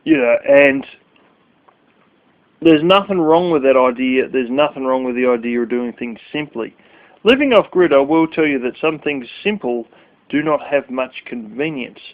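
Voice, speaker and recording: Talking to camera in a casual rant, a male vlogger swears freely and rambles bluntly, yawning with late-night sleepiness. His mid-range voice is expressive and moves at normal speed. The recording has a tinny, phone-like quality.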